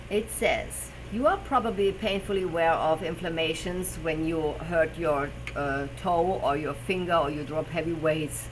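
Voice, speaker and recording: A personal trainer with a German accent and a lowish voice talks health on her live stream, with background noise audible. Her casual chat is peppered with fillers while she searches for the right English words.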